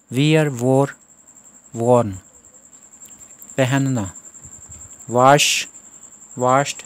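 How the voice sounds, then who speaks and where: Slow, measured male grammar teacher. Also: medium pitch, no room sound. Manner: slow, measured recitation of word lists with translations. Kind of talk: recorded lesson reciting verb forms.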